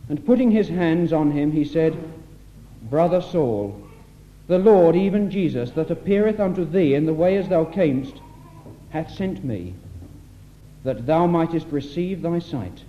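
A man solemnly reading scripture aloud at a church meeting, heard on an old 1960s tape recording. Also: fairly high pitch. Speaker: scripture reader at a church address. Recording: muffled old tape with faint hiss.

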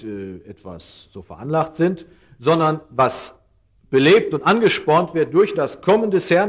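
A middle-aged man preaches a sermon with earnest conviction. His pitch and loudness rise on key phrases and sink low at the ends of sentences. He slows down to stress important words.

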